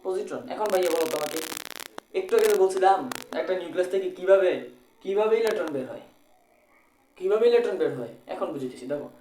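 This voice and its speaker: A man's voice: high voice, expressive, quick pace, pauses often, warm tone. A male tutor with a colloquial Bangladeshi Bengali accent races through an exam-prep physics lesson, repeating each point and firing questions he answers himself. His voice sits in the middle range and rings in an echoey room. A faint hiss runs behind him. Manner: repeats phrases, asks and answers own questions.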